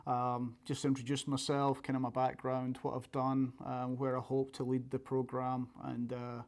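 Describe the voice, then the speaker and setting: A man's voice: mid-range voice, monotone, moderate pace, darkish tone. A man with a thick Scottish accent giving informal interview answers as a college soccer coach.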